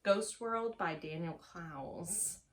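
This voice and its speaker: Talking slowly in a low-leaning voice, a book reviewer on a video channel chats informally to camera. She's playful and self-deprecating, stretching certain words out for dramatic emphasis.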